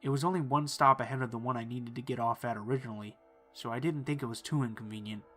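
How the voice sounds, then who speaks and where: A man reading first-person horror stories in a calm, measured storytelling voice. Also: mid-range voice, faint music behind. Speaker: narrator. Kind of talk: scripted horror narration.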